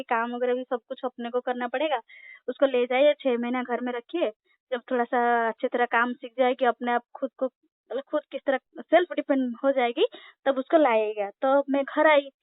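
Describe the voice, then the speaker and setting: A high-pitched woman from Odisha tells her life story over a tinny phone line. She speaks in a halting, storytelling way with many fillers. The sound is dry and close. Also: no room sound. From Odisha, India. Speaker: interview guest. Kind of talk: telephone interview.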